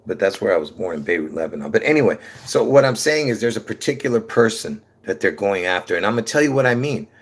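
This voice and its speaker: Talking to his livestream audience, whom he calls folks, a New York-accented host rambles on, repeating himself, starting sentences over and leaning on fillers. His voice is fairly low and expressive with a breathy edge, moving quickly with few pauses.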